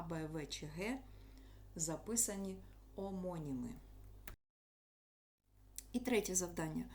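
A woman's voice: on the low side, mellow, a little hiss or hum. A woman teacher explaining a school lesson to children, patient and step by step.

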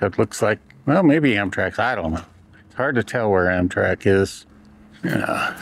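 Low-voiced guy doing a slow, laid-back walking tour vlog, guitar music playing under him. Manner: relaxed, unhurried commentary while walking around. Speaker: travel vlogger. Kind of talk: casual travel vlog narration. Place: walking around a train station and hotel, indoors and outdoors.

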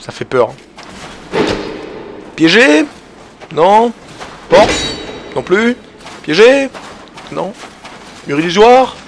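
A man giving excitable gameplay commentary, swearing often and talking to his viewers, with loud game sound behind him. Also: high-pitched, extremely slow, long pauses. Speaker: gaming channel host. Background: game audio and noise.

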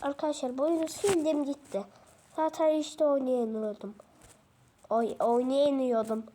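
High-pitched woman, unhurried and flustered, rambling over a phone-recorded game with a faint hiss. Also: fairly even intonation, dark tone. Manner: exasperated, rambling, talks to herself. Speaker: mobile gamer showing game settings. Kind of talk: casual screen-recorded gameplay chat. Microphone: phone microphone during screen recording.

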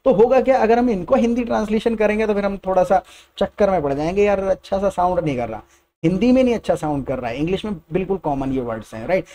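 Man, Indian accent, English teacher, high pitched, dark mellow tone, patient step-by-step explaining. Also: fast talker. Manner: explains step by step, asks "Getting my point?". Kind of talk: spoken English lesson.

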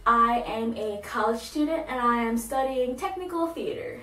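Bubbly 20s woman from south korea, english not her first language, kinda high voice, echoey room, sounds a bit far from the mic. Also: lively intonation, normal speed, sharp tone. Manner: bubbly and chatty, laughs at herself. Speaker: vlogger. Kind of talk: casual facts-about-me vlog. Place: indoors, plain grey wall, small room.

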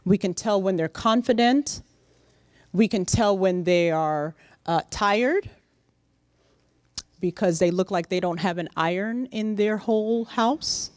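A middle-aged woman giving a lively, direct motivational talk to young interns in a large conference room, speaking into a handheld microphone. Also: medium pitch, no echo. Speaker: workshop speaker. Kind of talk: motivational professional-development talk.

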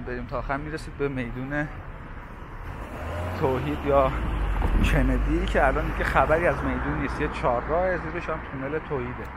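A man giving a chatty walking-tour narration, pointing out sights and reading out prices as he walks. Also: medium pitch. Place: busy city streets outdoors. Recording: street noise outdoors. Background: traffic noise.

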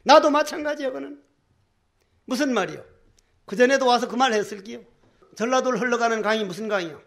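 Older man, Buddhist monk, very high voice, folksy animated sermon, rhetorical questions. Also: fairly quick, creaky. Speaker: Buddhist monk giving a dharma talk.

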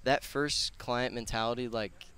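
A personal trainer and gym owner in his twenties talks casually and earnestly as a podcast guest, rambling and slangy, on a headset mic outdoors on a concrete patio. His mid-range voice is steady and unhurried, pushed and bright, with a clear, resonant tone.

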